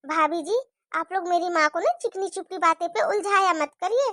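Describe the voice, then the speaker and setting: Woman doing a whiny tattling daughter, super high bright voice, cartoon story. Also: moderate pace, dry recording, studio quality. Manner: complaining, tattling. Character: young married daughter, sharp-tongued.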